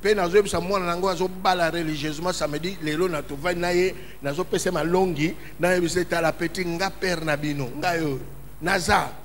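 A man's voice: sits high, steady tone, fairly quick, a little hiss or hum. A man preaching a sermon as pastor in a church hall, impassioned and calling out in emphatic bursts. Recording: reverberant hall with faint ambience.

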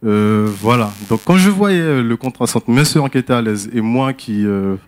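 A man speaks in a candid, conversational way, pausing often as he gives a personal testimony. His voice sits at an ordinary middle pitch for a man, and the setting is a church service. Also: animated. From French Guiana.

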